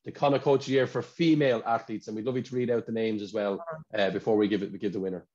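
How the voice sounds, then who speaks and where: Hosting an awards ceremony over a video call, an Irish man talks in a lowish, darkish voice with a steady tone, racing along. His chatty delivery is full of repeated words as he reaches for what to say, all captured in dull lo-fi call audio.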